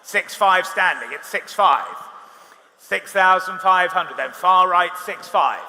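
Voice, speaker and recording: A British man working as an auctioneer, calling live bids quickly with wry, bantering asides to bidders. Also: high-pitched, gravelly, pushed and bright. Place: large reverberant auction hall. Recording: reverberant hall, amplified, faint background noise.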